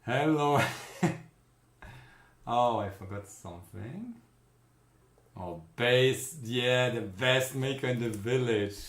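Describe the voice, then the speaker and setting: Casual stream host: Central European man, unhurried and halting, recorded in a roomy space. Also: medium pitch. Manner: greets chat viewers by name, halting with fillers. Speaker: livestream host. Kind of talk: casual live-stream chat.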